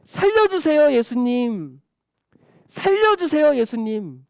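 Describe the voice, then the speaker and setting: High, pleading blind beggar man, put on by a preacher for a kids' Bible story, crying out in desperation. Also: sing-song, slow, gravelly, dry recording, exaggerated voice. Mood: desperate shouting. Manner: pleading, straining shouts.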